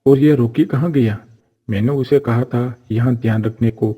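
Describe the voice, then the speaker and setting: An actor playing a greedy, short-tempered village juice seller who scolds harshly, in a cartoon story. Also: male voice, mid-range voice, moderate pace, slightly rough, narrow, tinny audio, natural voice. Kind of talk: Hindi cartoon voice acting.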